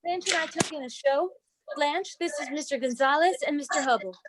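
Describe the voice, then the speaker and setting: An actress playing a patient, reassuring young wife in a stage play. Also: female voice, sits high, fairly quick, fairly bright tone. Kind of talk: stage play acting over a remote reading.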